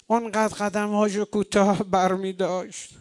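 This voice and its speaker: High, smooth-voiced man preaching. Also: little pitch movement. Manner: storytelling preacher addressing a congregation. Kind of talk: mourning sermon with chanted lament.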